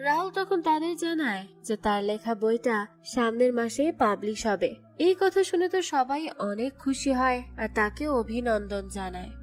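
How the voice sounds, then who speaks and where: A woman narrating a movie plot as a steady, scripted storytelling recap. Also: on the high side. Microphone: voice-over. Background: soft background music.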